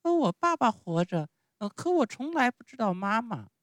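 A man voicing a small wooden puppet boy who pleads and then speaks up bravely, in a thin, high voice. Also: very animated, moderate pace, dry recording. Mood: polite.

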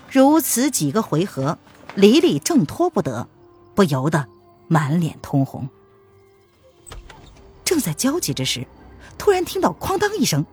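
A woman narrating a martial-arts story in an expressive, dramatic storytelling manner. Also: mid-range voice, slightly rough.

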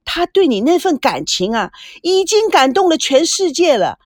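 A woman's voice: sits high, very animated, no room sound, clean studio sound, pitched above the performer's own voice. A woman voicing a chatty, teasing woman on a film crew who likes to needle her friends. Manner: chatty and teasing, lots of drawn-out particles.

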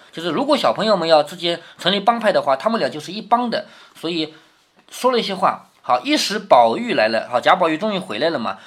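Guy retelling an old novel for kids, chatty, keeps asking right?, pitch moves around a lot. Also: fairly bright tone. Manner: explains as he goes, tag questions to the listener. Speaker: storyteller retelling a classic novel. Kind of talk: casual storytelling for children.

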